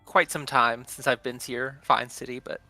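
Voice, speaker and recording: A man's voice: mid-range voice, fairly even intonation, normal speed, creaky, bright, forceful tone, soft background music. A man voicing a courteous older male noble at a dinner table, speaking politely and hesitantly with fillers.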